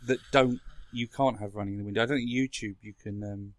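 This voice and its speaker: A man's voice: fairly low pitch, fairly even intonation, fast, dry recording, studio quality. A man in a casual tech chat, explaining things in a rambling way as a podcast speaker. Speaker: podcast guest or co-host explaining a console.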